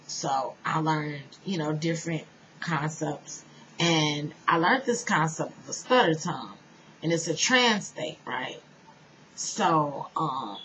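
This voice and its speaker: A woman giving an earnest personal spiritual testimony, speaking straight to her listeners and dropping now and then to a soft whisper. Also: sits low. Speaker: spiritual storyteller. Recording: dull lo-fi sound with faint noise.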